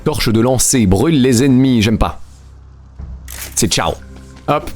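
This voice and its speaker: A man's voice: mid-range voice, a little slow, darkish tone. A man streaming a video game, chatting casually and joking with his viewers, laughing often. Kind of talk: casual live-stream commentary. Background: game music.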